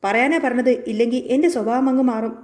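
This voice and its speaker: Woman reading as cocky young son, offhand and needling, high mellow voice. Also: fast, close to an everyday voice.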